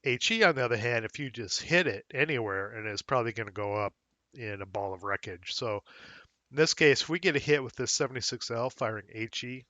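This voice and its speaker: Going through game rules at a brisk clip, this wargame tutorial host sounds slightly hoarse, as if losing his voice, and thinks aloud with fillers while confirming details. The audio is close-miked and dry with no room sound, its highs somewhat dull.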